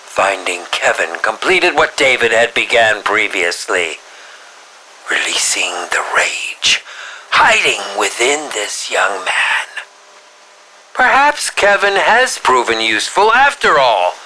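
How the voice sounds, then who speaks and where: An actor voices a sinister, theatrical mad film director, a grieving and menacing villain in a video game, delivering a scripted monologue. His bright, forceful mid-range voice drags out lines melodramatically and drops into breathy whispers. The heavily acted performance has poor audio and slight background noise.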